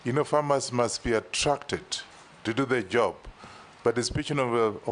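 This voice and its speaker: Kenyan mp, blunt and emphatic, says very very, normal pitch. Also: male voice. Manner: direct and emphatic, repeats words for stress. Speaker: member of parliament on a vetting panel. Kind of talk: formal questioning in a parliamentary hearing.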